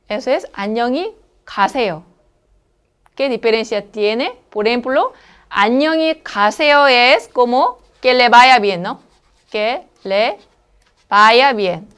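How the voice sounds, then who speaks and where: A Korean-native woman teaching a language lesson, explaining slowly and patiently, checking with the listener, and repeating example phrases. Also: clear, resonant tone. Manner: slow, patient explanations with frequent checking questions; says Korean phrases brightly and quickly, then drops her voice low for comments.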